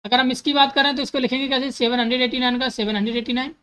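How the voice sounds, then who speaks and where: Bright-voiced woman teaching math. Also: high-pitched, flat delivery, rapid-fire, poor audio. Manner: repeats steps and asks herself questions, corrects slips. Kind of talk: explaining a math lesson step by step.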